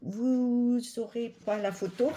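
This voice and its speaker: A woman's voice: a little high, steady tone, slow, warm tone, slight background noise. A woman chatting casually as a cross-stitch vlogger, rambling with many fillers and self-corrections. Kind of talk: casual chat.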